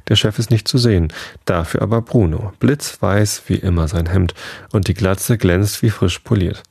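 Deep, gravelly male story reader. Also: moderate pace, dry recording, clean studio sound. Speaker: narrator. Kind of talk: scripted first-person story reading.

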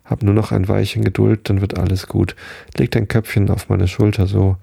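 A man as a weary dying traveler, soothing, husky and dark, even pitch, storybook. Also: normal speed, dry recording, studio quality, heavily acted. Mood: gentle. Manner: gentle, tired, soothing. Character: dying, parched male wanderer, gentle and weary.

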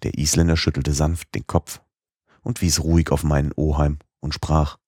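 Guy reading an audiobook, really deep husky voice, dry close sound. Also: level tone, normal speed, a little mellow, no echo. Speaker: audiobook narrator. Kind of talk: scripted audiobook narration.

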